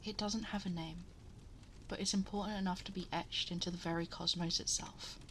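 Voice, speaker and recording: A woman playing a gentle, motherly, ageless cosmic princess in an ASMR bedtime roleplay, speaking tenderly and reassuringly, often in a breathy half-whisper, close to the microphone. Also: lowish voice, steady tone, moderate pace, slight background noise, close to an everyday voice. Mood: tender, storytelling. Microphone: close binaural 3Dio microphone.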